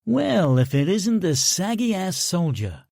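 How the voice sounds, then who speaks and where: A man's voice: high-pitched, big pitch swings, slow, creaky, a little mellow, no room sound, studio quality, voice pushed up, full character voice. A man voicing a brash, mocking American sergeant in an audiobook, talking in cocky, needling banter. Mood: taunting.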